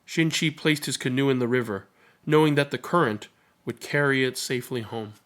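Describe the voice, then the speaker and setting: A man with a mid-range, fairly bright voice narrates children's books and chats casually as the channel's host. He talks a little fast.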